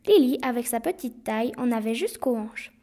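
A woman reads a children's adventure story aloud in a high, clear voice. Her narration is expressive but steady, paced for young listeners. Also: moderate pace. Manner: clear, expressive, even reading.

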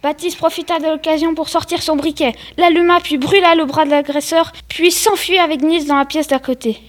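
High-voiced woman narrating a story. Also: fairly even intonation, brisk. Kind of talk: reading a story aloud.

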